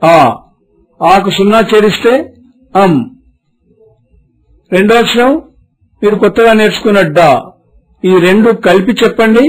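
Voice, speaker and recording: A man with a high voice teaches a beginners' reading lesson at a very slow, deliberate pace. He breaks each word into syllables and then draws it out so learners can repeat it. He sounds like a patient classroom teacher. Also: fairly even intonation, rough recording. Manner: spells words out syllable by syllable, drawn-out modelling of words.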